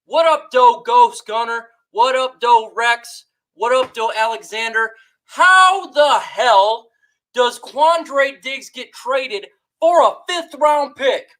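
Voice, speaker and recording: A woman live-streaming a fired-up, exasperated rant to her chat, shouting out viewers between complaints. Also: a little high, slow pace, rough recording. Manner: reads out chat shout-outs.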